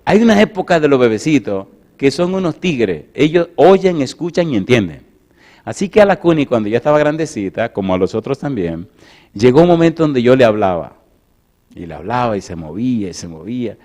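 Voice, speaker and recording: A middle-aged man preaching, swinging between loud emphatic lines and soft, hushed storytelling. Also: medium pitch, animated, fairly quick. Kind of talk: sermon with personal storytelling.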